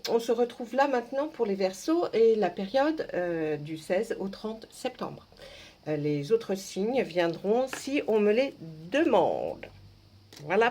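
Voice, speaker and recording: A woman's voice: mid-range voice, a little mellow. A woman reading tarot cards for her viewers, chatting casually, joking and talking to herself as she shuffles. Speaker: tarot card reader.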